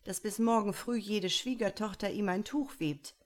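A woman's voice: mid-range voice, normal speed, natural voice. A woman doing a weeping young prince. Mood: plaintive. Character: sobbing young prince, plaintive and helpless.

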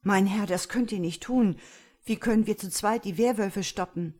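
A woman voicing a frail, frightened male vampire henchman who pleads in a hoarse voice in an audiobook. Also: medium pitch, moderate pace, darkish tone, voice pushed up, natural voice. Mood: pleading. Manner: pleading, fearful.

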